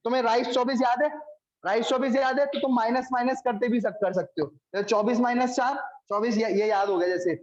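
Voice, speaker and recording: Male biology tutor, high voice, coaxing, quizzes students; roomy, muffled recording. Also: steady tone, fast talker. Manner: coaxing, repeats questions to students, calls them beta. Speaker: biology teacher. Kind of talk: classroom lecture. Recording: echoey room, dull lo-fi sound.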